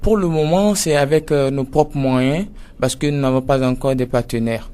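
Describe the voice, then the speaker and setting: A man, president of an association, answering questions in a measured radio interview with fillers. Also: mid-range voice, dark tone, smooth.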